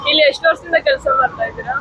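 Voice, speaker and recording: A young woman vlogging on the street, wishing strangers a happy Mother's Day, coaxing and repeating herself warmly. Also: high-pitched, racing, noisy background. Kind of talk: street vlog, greeting strangers. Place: outdoors on a street.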